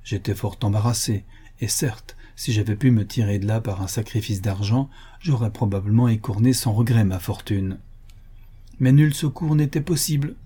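A man reading a novel aloud in measured, earnest narration. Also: fairly low pitch, dark tone, slightly rough. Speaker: audiobook narrator. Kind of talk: scripted narration.

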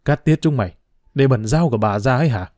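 A man doing a gruff, scolding old food seller woman. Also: medium pitch, fast talker, no echo, lightly acted. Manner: sharp, scolding.

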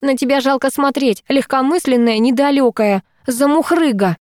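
In an audiobook, a woman voices a jealous, furious young woman who shrieks her insults. She pitches it above her own voice while staying close to an everyday sound, high with a darkish tone at normal speed. The sound is clean studio quality with no room sound.

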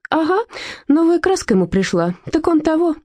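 A woman reading a storybook aloud, voicing a bold, sharp-tongued woman who stands up for her dog. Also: high voice, very animated, moderate pace, dry recording, voice pushed up. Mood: warm teasing.

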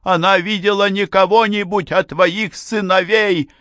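A man voicing an upset middle-aged mother who talks in a high, strained, emphatic way. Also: fairly even intonation, measured pace, a bit bright, no room sound.

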